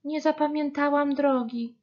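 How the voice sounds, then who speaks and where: A gentle young girl deer, as a woman reading aloud plays her, speaks softly and a little higher than plain talk, sounding careful. The recording is dull. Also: fairly even intonation, a little slow. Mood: worried.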